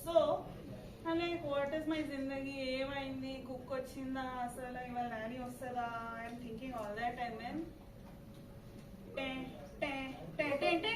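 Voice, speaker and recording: A woman with a South Indian accent performing stand-up comedy, telling stories in an animated way and acting out dialogue as she switches between languages. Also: high voice. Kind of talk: musical stand-up comedy routine, mixing languages. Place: live comedy venue with audience behind. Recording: echoey room, distant mic, noisy audience.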